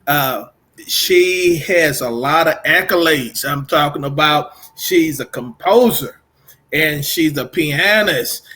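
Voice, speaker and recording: A man's voice: a little high, takes it slowly, sharp tone. A middle-aged man from Texas hosting a casual radio interview, rambling and repeating himself in an upbeat way. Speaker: podcast and radio host.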